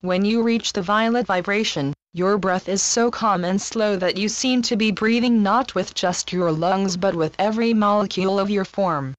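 A woman narrating a scripted guided meditation in a slow, soothing spiritual-guide manner with deliberate pauses. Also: medium pitch, no echo, muffled recording.

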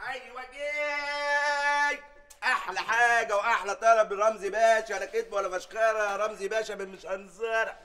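A fawning Egyptian waiter. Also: male voice, high voice, normal speed, slight background noise. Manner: flattering then insistent. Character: fawning bazaar waiter, pushy about the bill. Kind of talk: sitcom acting.

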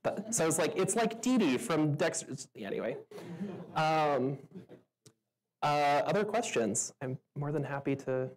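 A woman's voice: sits low, animated, a little slow, darkish tone, rough recording. A woman answering audience questions at a meetup in a casual, chatty way, with lots of fillers. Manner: chatty, filler-heavy, laughs often. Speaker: meetup speaker. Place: stage in a venue with an audience.

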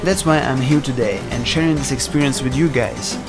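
A man narrating a travel voice-over in a relaxed, explanatory way. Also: medium pitch, brisk, music in the background. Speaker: travel vlogger.

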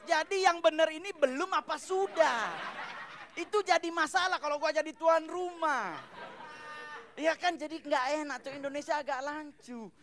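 A man doing stand-up on a TV studio stage into a handheld mic, talking loud and animated in slangy street speech. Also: extremely high pitch, moderate pace, background noise. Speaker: stand-up comedian. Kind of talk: stand-up comedy set. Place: TV studio stage with live audience. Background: audience laughter.

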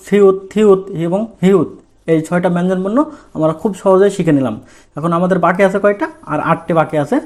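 Teaching a lesson in Bengali, this male language teacher from Bangladesh asks questions and then answers them himself, in a voice that sits high with a darkish tone.

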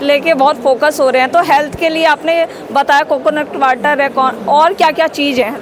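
A woman's voice: high-pitched, fairly even intonation, normal speed, crowd noise. A young woman reporter asking polite questions and signing off in a field news interview with a handheld mic. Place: busy indoor expo stall. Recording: noisy expo hall.

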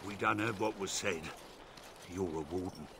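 An actor playing a desperate, gruff peasant bounty hunter in a video game, with a blunt, rustic, threatening manner. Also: male voice, low voice, normal speed, pushed and bright, a little hiss or hum, heavily acted. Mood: grim threat. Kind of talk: video game character acting.

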